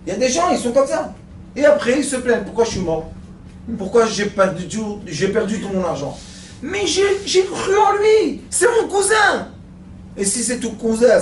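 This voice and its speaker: A man's voice: high voice, a little hiss or hum. A male rabbi giving a weekly Torah lesson, animatedly telling jokes and quizzing his audience. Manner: animated, acting out stories, addressing the audience with questions. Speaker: rabbi teaching a weekly class. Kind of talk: Torah lesson with joke storytelling. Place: lecture room at a study centre. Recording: echoey room, mic far off.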